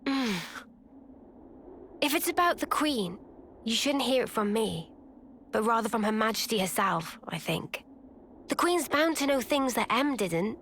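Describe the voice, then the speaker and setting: An actress voicing a calm, reserved young woman soldier in a video game, speaking softly and thoughtfully. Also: on the high side, a little slow, long pauses, a little hiss or hum.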